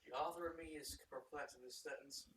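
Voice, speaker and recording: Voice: medium pitch, steady tone, fairly quick, noisy background. A co-host cracking jokes about the story being read. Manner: wisecracking. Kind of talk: joking commentary.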